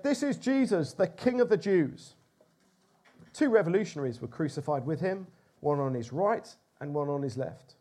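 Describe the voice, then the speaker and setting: A man's voice: on the high side, a little mellow. A man preaching a sermon, telling a story expressively with rising emphasis.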